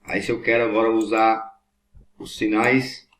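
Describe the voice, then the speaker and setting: A man's voice: on the low side, measured pace, fairly bright tone. A man teaching a Hebrew class, patiently repeating each point and checking whether students follow. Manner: patient, repetitive, checks understanding often. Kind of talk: classroom lesson at a board.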